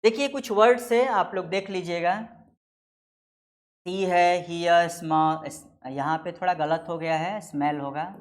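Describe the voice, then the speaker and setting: A man giving a grammar lesson, explaining slowly, repeating key words and reading out example sentences word by word. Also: high voice. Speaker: grammar teacher. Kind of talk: classroom lecture.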